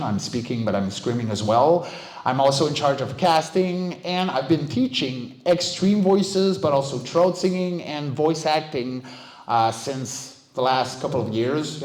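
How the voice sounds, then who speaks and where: Speaking as a guest at an evening meetup, this forties-something monster voice actor and vocal coach keeps things casual, jokey and self-deprecating before a live crowd. His voice is mid-range and darkish, captured in a roomy, echoing indoor venue.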